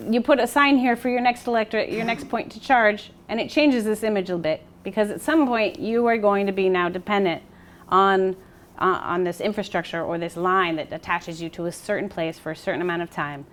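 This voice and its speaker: An American woman presents a scientific seminar as an academic talk, explaining things steadily while using fillers and correcting herself. Her voice is mid-range and her pace brisk.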